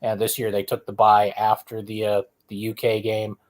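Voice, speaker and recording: A man co-hosting a casual sports talk show, talking through his reasoning in a measured, analytical way. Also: lowish voice, completely flat delivery, darkish tone. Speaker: podcast co-host.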